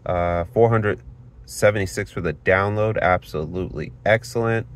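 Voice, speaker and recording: Holding his phone in a parked car, a man from Florida casually talks through network speed tests, reading the results off the screen and explaining them plainly. He has a deep voice and speaks at normal speed.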